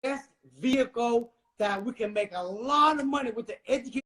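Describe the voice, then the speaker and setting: A man from Vietnam in his forties talks as an interview guest with a high-pitched voice. He is emphatic and preachy and keeps turning to the listeners directly. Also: brisk, a bit bright. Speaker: guest, real estate investor. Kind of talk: motivational interview talk.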